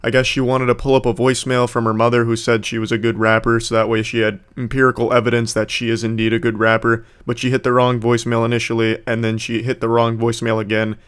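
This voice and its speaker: Guy mocking rap battle clips, dry sarcastic delivery, smooth clear voice. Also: medium pitch, little pitch movement, quick pace, few pauses, a bit bright. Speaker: commentator reacting to clips. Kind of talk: comedic reaction commentary.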